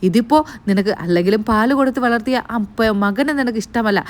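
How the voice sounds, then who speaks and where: A woman's voice: a little high, fast talker, lightly acted. Woman putting on a fierce scolding grandmother. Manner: angry, scolding, raised voice.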